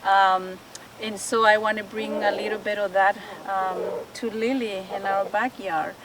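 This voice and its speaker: A woman's voice: medium pitch, fairly even intonation, a little slow, a crowd in the background. Woman from El Salvador, distant mic. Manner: friendly, slightly broken English. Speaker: backyard chicken keeper. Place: backyard with chickens. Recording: distant mic with background noise. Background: chickens.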